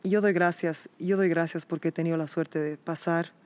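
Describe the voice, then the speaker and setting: A woman's voice: lowish voice, steady tone, fairly quick, darkish tone. A woman interviewing her former teacher, asking affectionate, coaxing questions in a casual chat.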